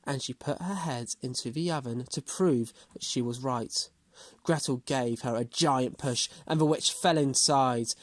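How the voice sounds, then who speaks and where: A man's voice: mid-range voice, unhurried, no room sound. A man reading a children's storybook aloud as a storyteller.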